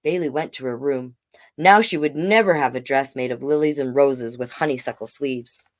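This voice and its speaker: With a bass voice and a moderate pace, a woman who works as a storytime host and drag king performer reads a kids' book expressively, coaxing young listeners with small asides.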